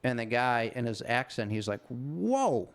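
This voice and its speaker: A man's voice: medium pitch, little pitch movement, brisk, fairly bright tone, clean tone. A middle-aged man casually telling a long, rambling anecdote on a podcast, swearing freely. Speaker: podcast co-host. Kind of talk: casual storytelling chat.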